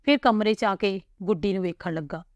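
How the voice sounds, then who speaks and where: A woman narrating a family story in a calm, unhurried reading voice. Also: mid-range voice, dry recording, clean studio sound.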